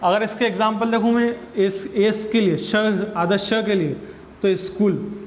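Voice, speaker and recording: In Hindi, a male teacher with a high voice walks through a spoken English grammar lesson, patiently repeating each point and answering his own questions. His tone is steady and his pace moderate. A long, echoing reverb fills the recording, with faint hiss beneath it.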